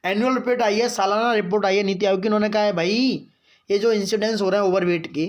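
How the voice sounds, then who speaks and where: High-voiced man teaching a lecture. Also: steady tone. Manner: mixes in English phrases, reads slowly, explains in chatty asides; keeps asking "got it, friends?". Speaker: exam-prep teacher. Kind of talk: current-affairs lecture for exam students.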